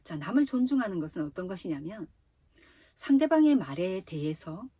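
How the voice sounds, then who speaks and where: A woman gives a youth sermon in a soft, mellow voice with some breath in it. She talks straight to her young listeners in a lively teaching way. Her voice sounds dry and close to the mic. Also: on the low side, normal speed, breathy edge, dry recording. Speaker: youth ministry preacher. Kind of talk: sermon to teenagers.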